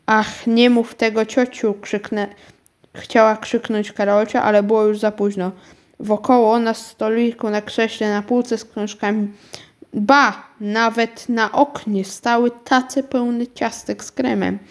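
A woman reading a children's storybook aloud. Her narration is calm and gentle. Her voice sits somewhat high for a woman. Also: measured pace.

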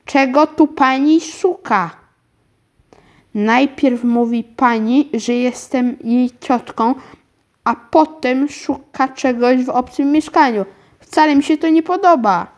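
An elderly aunt from a storybook, flustered and full of questions, fussing over the child in her care, as a woman reader puts her on. The voice sits a touch high. It is plainly read aloud from a children's book. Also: takes it slowly. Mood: indignant. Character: fussy, bewildered elderly aunt. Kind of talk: storybook reading.

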